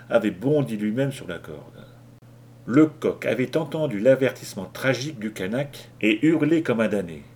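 A man narrating an audiobook with measured, dramatic delivery. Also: mid-range voice, darkish tone. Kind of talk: audiobook reading.

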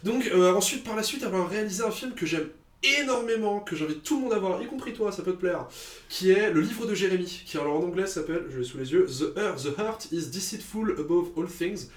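A man's voice: sits high, animated, fast talker, roomy sound. A man co-hosting a casual podcast about films, talking in an opinionated, chatty way with frequent fillers. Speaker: podcast co-host. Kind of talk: casual film chat.

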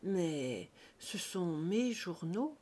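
A woman voicing a mild, hesitant husband who speaks softly and slowly in a read-aloud story. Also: lowish voice, sing-song, exaggerated voice. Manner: soft, slow and hesitant. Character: timid, hesitant middle-aged husband, mild.

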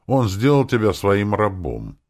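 Shaky old fortune teller lady, a guy putting her on, low deep voice, quiet pleading. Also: wildly swooping pitch, full character voice. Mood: fearful pleading. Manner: trembling, pleading, quiet and slow.

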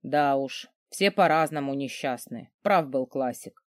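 Audiobook: man reads first-person story, mid pitch, gruff sarcastic edge, dry booth. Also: a little slow, no room sound. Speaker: audiobook narrator. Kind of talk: first-person novel narration.

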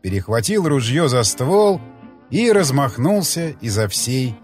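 A man narrating an audiobook with a dramatic, lively delivery. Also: mid-range voice, measured pace, faint music behind.

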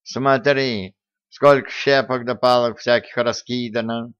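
A man's voice: medium pitch, steady tone, unhurried, fairly bright tone, clean tone, no echo, dull audio, close to an everyday voice. A man voicing a brash bossy tomcat. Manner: brash, needling. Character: cheeky bossy tomcat, male, sly. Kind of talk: audiobook character voicing.

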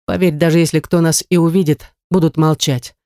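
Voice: medium pitch, steady tone, a little fast, a little mellow, dry recording, clean studio sound, lightly acted. Dima, a reader voicing a menacing kidnapper man. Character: menacing male kidnapper, cold and scheming. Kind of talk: audiobook character reading.

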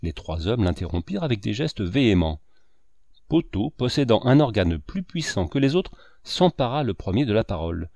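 A man reading a literary novel aloud in a measured storytelling manner. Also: lowish voice, big pitch swings, gravelly, darkish tone, no echo. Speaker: audiobook narrator.

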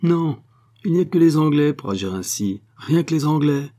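A man's voice: a little high, animated, normal speed, dark tone, pitched above the performer's own voice. A man voicing a scheming foreign woman spy, brazen and wheedling. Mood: indignant.

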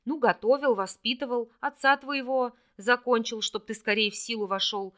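Woman voicing an old trickster villain for an audiobook; gloating and mocking, bright tone. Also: a little high, moderate pace, close to an everyday voice. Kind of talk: audiobook character voice.

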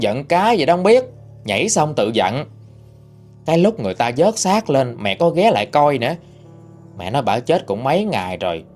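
A man's voice: medium pitch, darkish tone. A man narrating a ghost story in a conversational retelling.

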